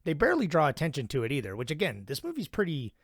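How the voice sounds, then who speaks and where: A man's voice: on the high side, rapid-fire, husky, no echo, clean studio sound. Laid-back earnest podcast guy. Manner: relaxed, earnest, casual swearing. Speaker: podcast co-host. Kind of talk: casual film discussion.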